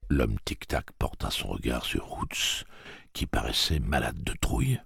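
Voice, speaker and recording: A man reading a story aloud as narrator, in a dramatic, animated way. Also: very deep voice, a little slow, gravelly, breathy edge, no room sound, clean studio sound. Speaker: audiobook narrator. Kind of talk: scripted narration.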